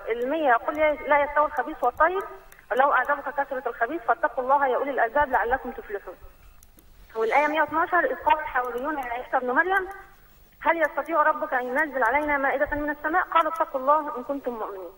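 A woman's voice: high voice, very fast, a bit bright. A woman from Saudi Arabia calling in over the phone, asking her questions in one long run and reading out verse numbers and quotes. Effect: heard over a phone line. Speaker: caller. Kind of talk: phone-in question to a religious program.

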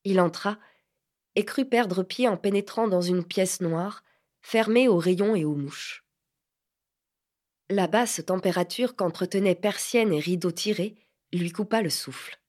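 A woman narrating a classic French novel as an audiobook in a measured, expressive reading. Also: medium pitch.

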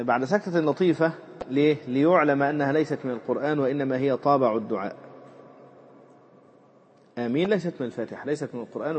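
Brief: male sheikh, mid pitch, reads text then explains, muffled lo-fi recording with faint noise. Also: darkish tone. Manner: reads a passage aloud, then explains it with fillers and repetition. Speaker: Islamic jurisprudence teacher. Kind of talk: explanatory lesson on a classical text.

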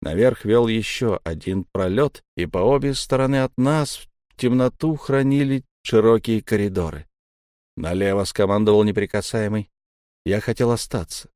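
A man's voice: mid-range voice, darkish tone, no echo, clean studio sound. A man narrating an adventure audiobook in a tense, storytelling delivery.

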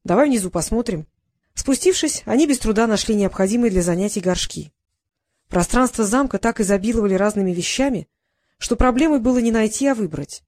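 A woman's voice: a little high, lively intonation, a little fast, darkish tone, no echo. Woman narrating a story, dry close sound. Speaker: audiobook narrator. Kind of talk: scripted narration.

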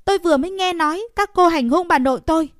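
A woman voicing an angry young boy who shouts to protect his grandmother. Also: high voice, fairly even intonation, fairly quick, dry recording, clean studio sound, pitched above the performer's own voice, close to an everyday voice. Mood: angry shouting. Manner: shouting, indignant.

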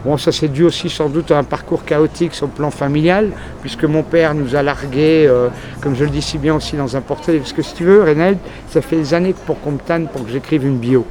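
A French journalist rattles through a long, rambling story full of fillers in a frank street interview, speaking briskly with few pauses. His voice is on the high side with a darkish tone, and crowd and traffic noise fills the busy city street around him.

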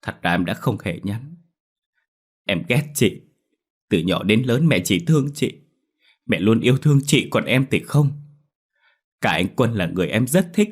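A man's voice: lowish voice, slightly rough, voice pushed up, heavily acted. A man voicing a guilty, resentful younger sister who speaks hesitantly. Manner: hesitant, then pleading.

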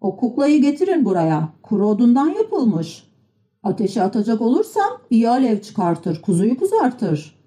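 A big, stern puppet-theatre owner barking in a gruff, scolding way, as a woman narrator plays him. The tone is dark and mellow, with pitch that rises and falls widely. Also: sing-song, measured pace.

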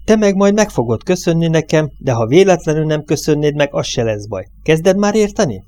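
A man's voice: a little high, big pitch swings, mellow, voice pushed up. A man voicing a domineering, coarse truck driver in an audiobook reading, pressing his nervous partner hard. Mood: bossy.

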